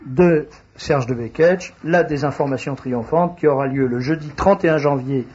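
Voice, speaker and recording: A man hosting a radio talk show, reading announcements in a halting way with frequent hesitations. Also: fairly high pitch, darkish tone, breathy edge. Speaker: radio host. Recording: dull lo-fi radio recording.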